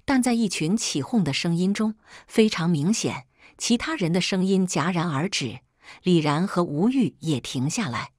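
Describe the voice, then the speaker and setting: A woman reads a first-person story aloud in a calm, measured way. Her voice sits a little low and has a breathy, husky grain. The sound is close and dry, with no room around it. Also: no room sound.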